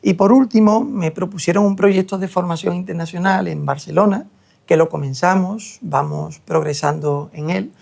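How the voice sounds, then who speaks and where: A young adult surgeon from Seville, Spain, a hair transplant specialist, speaks reflectively as a guest in an interview conversation, hesitating often. His high-pitched voice is gravelly yet a little mellow, at a normal speed.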